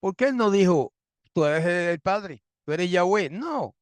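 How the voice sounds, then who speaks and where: Guy preaching a bible lesson, kinda high voice, dry close sound, keeps clearing his throat and asking the crowd questions. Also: animated, a little slow, no room sound. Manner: frequent throat clearing, rhetorical questions, repeats points for emphasis. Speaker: Bible teacher. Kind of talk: teaching sermon.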